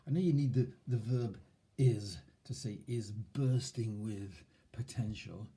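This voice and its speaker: A man giving casual self-help advice, moving between soft murmurs and lively emphasis. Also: on the low side, a little slow, breathy edge, rough recording. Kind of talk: casual instructional talk.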